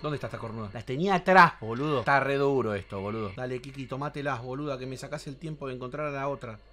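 A man with an Argentine accent commenting on a horror game as he plays, crude and excitable, swearing and laughing. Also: medium pitch, fast talker. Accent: Rioplatense Argentine Spanish. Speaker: gaming streamer. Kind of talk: live gameplay commentary.

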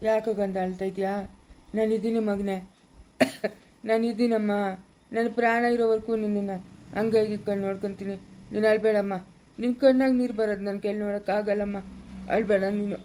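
A woman's voice: medium pitch, fairly even intonation, fast, pauses often, mellow, a little hiss or hum, close to an everyday voice. A woman acting as a reassuring parent who consoles a crying daughter in a family skit. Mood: soothing. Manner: soothing, reassuring.

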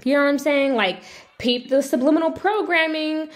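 Speaking at a normal speed, this woman offers blunt, casual opinions on videos in a fairly high voice. She sounds fed up and curses without hesitation.

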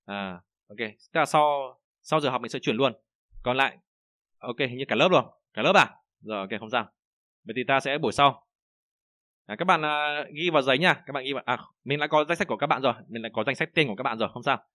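A man's voice: mid-range voice, no echo, studio quality. A young man with a Vietnamese accent teaching an online Chinese class, chatty and full of fillers and repeated words. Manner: slow, loud model readings of Chinese phrases.

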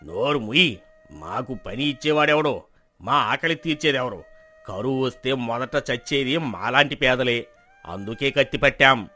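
An actor playing a hardened, defiant bandit leader who answers in gruff retorts. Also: male voice, mid-range voice, expressive, measured pace, pushed and bright, faint music behind. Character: hardened male bandit chief, defiant and bitter. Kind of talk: storybook drama acting.

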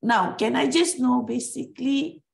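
A middle-aged woman leads an online session with students. Her voice is gravelly and a little high, and she talks slowly, reassuring them and pausing on "okay". She has a lingering cough, and the sound comes through a video call. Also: poor audio. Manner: encouraging, reassuring, with frequent "okay" and hesitations. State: coughing, recovering from a bad cough. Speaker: faculty dean. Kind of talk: open Q&A session with postgraduate students.

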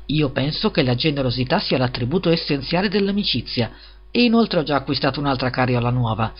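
A man reads from a storybook, voicing a greedy, self-serving miller who wheedles and preaches about friendship, with a sermonizing mood. His medium-pitched, natural voice is expressive and fast. The recording is slightly dull and lo-fi.

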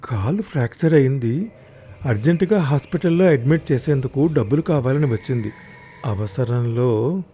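A man reading the part of a timid young wife who pleads slowly and hesitantly in a told story. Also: medium pitch, animated, breathy edge, faint music behind. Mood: hesitant pleading. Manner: slow, hesitant, soft-spoken.

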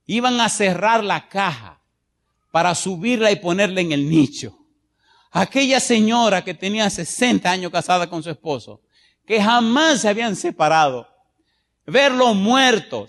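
A middle-aged man pastor preaching a sermon, telling personal stories with passion and swinging from loud bursts to hushed moments. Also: high voice, vocal fry.

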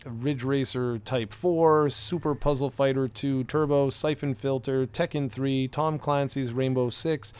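A man co-hosting a casual gaming podcast, talking in an animated way with rambling restarts and sarcastic asides. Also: mid-range voice, a little slow, few pauses, smooth. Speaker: podcast co-host.

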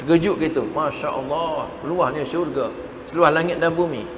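A Malaysian man preaching a dawn lecture in a prayer hall, animated and repetitive, chanting Arabic verses now and then. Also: fairly high pitch, normal speed, slight background noise. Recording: echoey hall with reverb.

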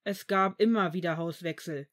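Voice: mid-range voice, fairly quick, lightly acted. A reader voicing an angry, protective male potions master in a fan fiction audiobook, cutting and indignant. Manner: cutting, indignant, shouting at times.

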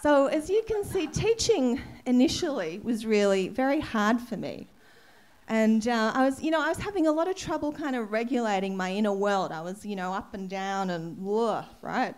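A woman yoga teacher telling a personal story to a gathering at an ashram, candid and emotional, with soft laughs. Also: on the high side, animated, moderate pace. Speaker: yoga teacher giving a satsang talk. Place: ashram hall.

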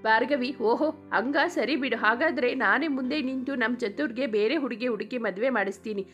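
Soft loving older mom as a lady reads her, a bit high, faint music behind. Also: fairly quick, dull audio, lightly acted. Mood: affectionate. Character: gentle grieving older mother.

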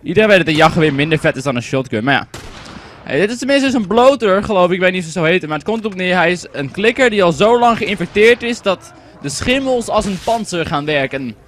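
A man's voice: high-pitched, lively intonation, fast, a bit bright, slight background noise. A young man giving casual, rambling commentary while playing a game, and swearing when it lags. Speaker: gaming commentator. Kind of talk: casual let's-play commentary.

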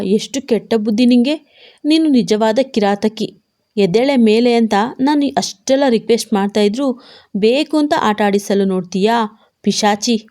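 A gruff, teasing young husband who scolds his wife in mocking banter, as a woman storyteller puts him on. The voice is warm and mellow, read out like a storybook. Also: fairly high pitch, natural voice. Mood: scolding.

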